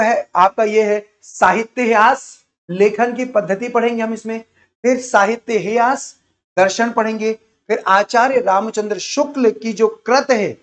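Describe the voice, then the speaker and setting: A man teaching an exam-prep lecture, listing topics one after another and repeating key points as he explains. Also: high-pitched. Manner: repetitive, explanatory, enumerating topics.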